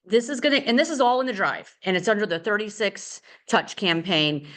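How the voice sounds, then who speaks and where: A woman's voice: medium pitch, a little fast, fairly bright tone. Middle-aged woman running a real estate team training, chatty, rambly, lots of ums and restarts. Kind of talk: casual team training session.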